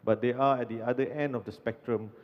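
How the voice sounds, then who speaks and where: A man on a conference panel explaining his agency's work in a measured way. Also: medium pitch, fairly even intonation. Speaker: panelist for a national health tourism agency. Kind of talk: panel discussion. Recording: muffled hall reverb.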